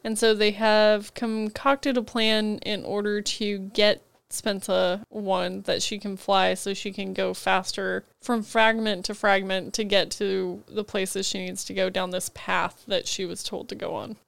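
A woman talks casually through her reading list on a book podcast. She is fighting a cold, but her voice still comes through smooth and clear. The sound is close and dry, with no room echo. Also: mid-range voice, little pitch movement, measured pace, few pauses. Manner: chatty, rambling book rundowns with frequent "like". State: has a cold, head foggy.

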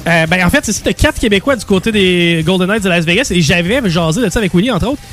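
A man's voice: sits high, expressive, fast, fairly bright tone, soft background music. A man with a Quebec French accent co-hosting a podcast, joking around in casual banter. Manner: joking, playful, hums and sings bits. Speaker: podcast co-host.

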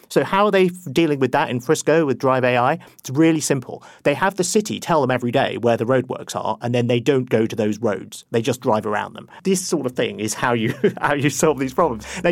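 Fast-talking male editor, dry close sound, lively conversational explaining. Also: medium pitch, dry recording. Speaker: deputy editor.

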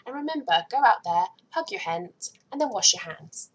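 A woman's voice: medium pitch, expressive, normal speed, slight background noise, poor audio. A woman with a British accent hosting her own podcast, chatting in an enthusiastic, rambling way. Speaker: podcast host. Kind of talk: casual solo podcast.

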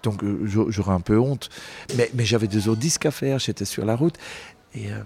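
A man in his forties, a singer being interviewed, telling stories casually with many restarts. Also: on the low side. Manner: halting, many restarts, animated storytelling.

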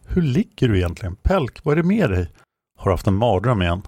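A man reading the lines of a dying young woman, soft and tearful. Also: lowish voice, sing-song, no echo.

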